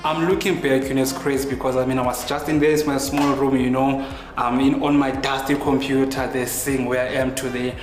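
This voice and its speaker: A man's voice: mid-range voice, flat delivery, a little fast. A man, a young filmmaker reflecting in a documentary interview. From South Africa. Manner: reflective, loose with fillers. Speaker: youth filmmaker in the program. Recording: echoey room with music behind.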